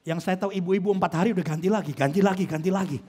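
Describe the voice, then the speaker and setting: Male pastor, high voice, lively and joking sermon delivery, acts out voices of people. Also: rapid-fire, husky. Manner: animated, acts out quoted voices of churchgoers; joking, conversational with the congregation.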